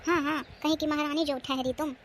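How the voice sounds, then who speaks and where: A woman voicing a cruel, bossy sister-in-law who nags and scolds loudly in a cartoon. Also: high voice, fairly even intonation, fairly quick, slight background noise, natural voice. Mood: scolding. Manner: harsh, nagging, loud.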